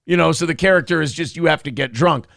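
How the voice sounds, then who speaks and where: A man's voice: on the high side, fast talker, creaky, dry recording, clean studio sound. A man hosting a podcast, casually commenting on a clip with swearing and mocking imitations. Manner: animated, profane, mocking imitations. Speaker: podcast host.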